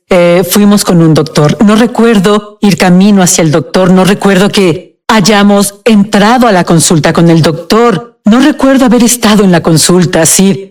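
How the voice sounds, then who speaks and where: Woman telling her story on a tv interview, halting, emotional, stops and restarts. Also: fairly low pitch, a little mellow. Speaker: guest. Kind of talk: personal testimony in a TV interview, Spanish dub.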